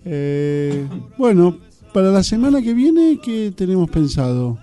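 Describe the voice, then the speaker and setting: A man hosting a community radio show, chatting in a relaxed, hesitant way on a studio microphone. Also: high voice, unhurried, faint music behind. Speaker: radio host. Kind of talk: casual radio chat.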